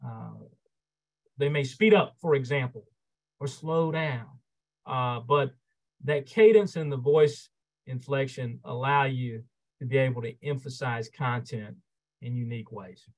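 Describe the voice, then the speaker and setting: A man, a trial lawyer, giving an instructional webinar talk, expressive and measured, shifting loudness and pace to stress his points. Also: medium pitch, low-quality recording. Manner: measured, explanatory, occasional fillers.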